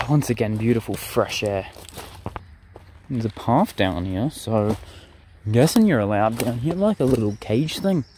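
A man's voice: medium pitch, expressive, a little slow, warm tone, slight background noise. A young man, chatting in an easygoing, rambling way as he narrates his vlog and comments on a bushwalk. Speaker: vlogger.

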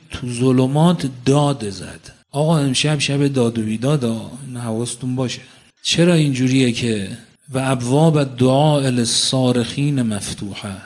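Fervent male preacher, mid-pitched. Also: a little mellow. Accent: Iranian Persian. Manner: storytelling, quoting Arabic verses then explaining them; repeats phrases for emphasis, rising to fervent peaks. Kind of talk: religious sermon.

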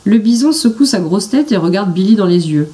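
Woman reading a children's story, lively pitch. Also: fairly quick, recorded from a distance. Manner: expressive, animated reading.

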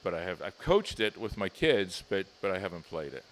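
A man's voice: sits low, very animated, a little fast, a little hiss or hum. A middle-aged man from Pittsburgh, a team president, answering interview questions in an easygoing way with frequent fillers, into a handheld mic. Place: stadium offices and deck. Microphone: handheld mic held by interviewer.

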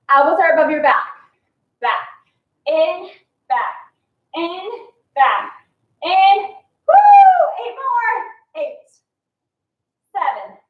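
A young woman leads a workout as an aerobics instructor, counting and cueing in short, encouraging phrases. Her voice is very high. It comes from a distance in a small, echoey basement room, with slightly dull sound. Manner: clipped, encouraging counting cues while exercising. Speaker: fitness instructor. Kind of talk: aerobics instructor calling out reps and cues. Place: small concrete-walled basement home gym. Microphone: far camera across the room.

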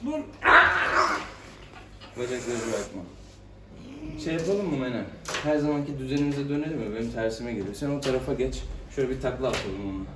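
A man's voice: mid-range voice, lively intonation, fairly quick, long pauses. A man working as a vet, talking soothingly to a cat in a clinic. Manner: soothing, coaxing, talks to the cat. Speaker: veterinarian. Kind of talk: casual talk while handling a cat. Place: veterinary clinic room. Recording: echoey room, distant mic, loud background noise.

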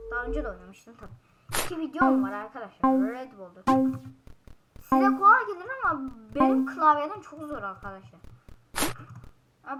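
A woman giving casual gameplay commentary as a YouTuber, frustrated and swearing loudly at the game. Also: high-pitched. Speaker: gaming YouTuber. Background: loud game music.

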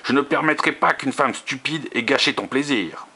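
A man's voice: medium pitch, moderate pace, pushed and bright, slightly rough, pitched above the performer's own voice. A man reading the lines of an offhand, gallant prince, barely changing his own voice.

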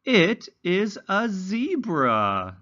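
Reading along with young children, this male English teacher articulates carefully, using exaggerated intonation meant to instruct. His voice sits high, bright and forceful, with wildly swooping pitch and a very slow pace, and the sound is lo-fi.

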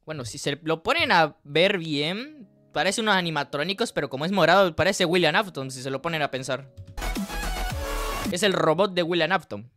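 A man's voice: a little high, lively intonation, normal speed, music in the background. A man with a Mexican accent hosting a reaction video, talking in a casual, joking, rambling way with side comments. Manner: joking, rambling asides with laughs.

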